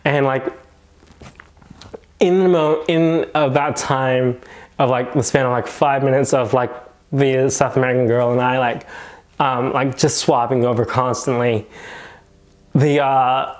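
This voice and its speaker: A male nurse, casually telling a story in an animated way with lots of filler words. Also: mid-range voice, a little slow, pauses often. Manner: animated retelling, heavy use of "like".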